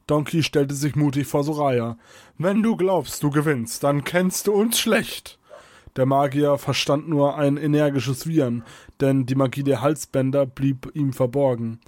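A man reads a fantasy adventure aloud in a steady, even storybook voice. His pitch sits in the middle, and the sound is dry and close with no room echo. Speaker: narrator. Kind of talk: scripted storybook narration.

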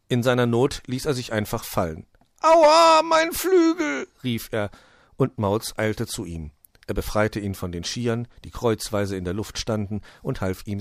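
A man reading a children's story aloud in an expressive, lively manner. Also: on the low side, no echo, studio quality. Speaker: narrator.

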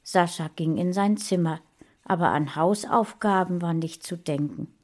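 A woman reading a fantasy story aloud in a calm, even way. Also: fairly low pitch, unhurried. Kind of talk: audiobook narration.

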